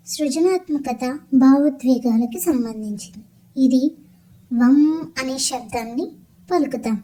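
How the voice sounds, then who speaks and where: A woman calmly explaining meditation as a teacher, listing each point one at a time in a measured way. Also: on the high side, low-quality recording. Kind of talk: calm instructional explanation of chakras.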